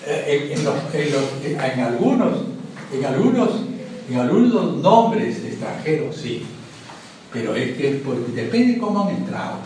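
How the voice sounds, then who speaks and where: A man's voice: on the high side, sing-song, measured pace, a little mellow. A man lecturing a class in a loose, chatty way, often asking "¿no?" and laughing at his own jokes. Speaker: teacher of Sanskrit and language. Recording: echoey room, voice from far off, noise.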